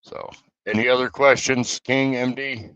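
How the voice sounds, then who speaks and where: Bright-voiced man on a casual live stream. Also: mid-range voice, steady tone, unhurried, clear, resonant tone, no echo, muffled recording. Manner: loose, rambling, with fillers and restarts. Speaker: streamer and guild leader.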